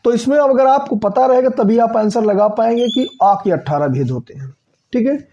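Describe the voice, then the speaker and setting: A man's voice: extremely high pitch, lively intonation, moderate pace, mellow, a little hiss or hum. A man teaching an exam-prep grammar lesson who keeps checking in with his listeners and asks questions he then answers himself. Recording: dull lo-fi sound.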